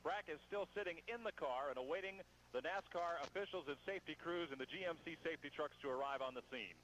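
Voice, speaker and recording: A man's voice: a little high, quick pace, fairly bright tone. An American man working as a motorsport commentator, reporting live from trackside for radio. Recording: dull, noisy radio feed.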